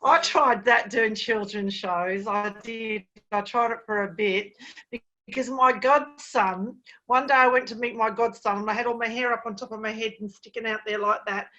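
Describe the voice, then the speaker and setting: A middle-aged woman with an Australian accent tells stand-up jokes from her home over a video call. Her voice sits high and bright. She is brash and self-mocking, and she swears freely. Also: steady tone, moderate pace, muffled recording. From England. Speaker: stand-up comedian. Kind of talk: stand-up comedy set.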